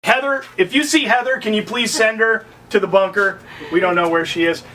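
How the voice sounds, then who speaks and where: A man's voice: sits high, a little fast, bright, forceful tone, far from the mic, a little hiss or hum, low-quality recording. Joking man hosting a casual interview. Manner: joking, banter-heavy, loose with fillers. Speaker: interview host. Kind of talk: casual chat.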